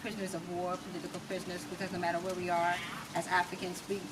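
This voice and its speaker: A distant camera mic, with no wireless mic in use, records this interview guest against a noisy ambient backdrop. She's an American natural healer and spoken word artist whose voice is small, soft-projecting, and lowish. She chats casually in a monotone at a quick pace.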